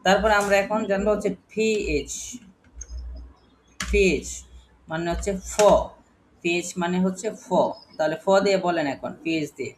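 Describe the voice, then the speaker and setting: A man's voice: sits high, normal speed, pauses often, slight background noise. Patient male teacher spelling out words. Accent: Bangladeshi. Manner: patient, asks the class questions and spells letter by letter. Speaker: English teacher. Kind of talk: classroom phonics lesson.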